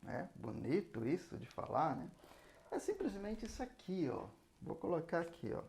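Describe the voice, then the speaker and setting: A man's voice: a little high, very animated, normal speed, creaky, a little mellow. A man teaching a casual saxophone lesson, explaining patiently and singing out rhythm syllables as he goes. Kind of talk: casual spoken music lesson.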